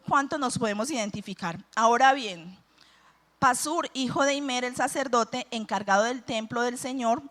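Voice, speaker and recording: A woman's voice: on the high side, a bit bright. A woman preaching a sermon at a church service, reading scripture and asking her listeners questions in a conversational way. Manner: conversational, asks the congregation questions.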